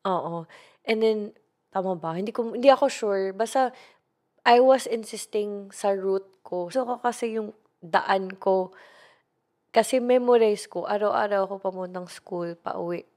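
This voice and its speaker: A young woman with a Filipino accent recounts her own experiences in a casual storytime vlog. Her voice sits at a middle pitch, and she slips between languages mid-sentence. She talks to the viewer like a close friend. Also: measured pace, darkish tone. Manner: chatty Taglish storytelling, addresses viewer as best friend. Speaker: content creator.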